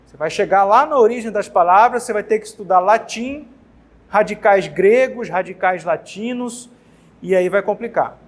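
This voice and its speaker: Man, Brazilian Portuguese accent, high voice, exam-prep grammar teacher, casual, repeats himself. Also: normal speed. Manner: casual, repeats words and checks in with "tá?". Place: classroom with whiteboard.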